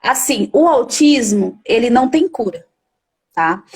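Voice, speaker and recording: High-voiced emphatic woman teacher. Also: expressive, a little slow, breathy edge. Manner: emphatic, acts out firm commands. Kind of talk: explaining in an interview.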